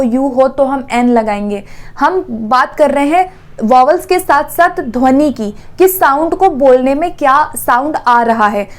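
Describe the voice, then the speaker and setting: Woman, high pitch, grammar lesson, repetitive patient explaining. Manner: repeats words slowly, frequent checking "theek hai". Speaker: teacher. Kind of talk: exam-prep grammar lesson.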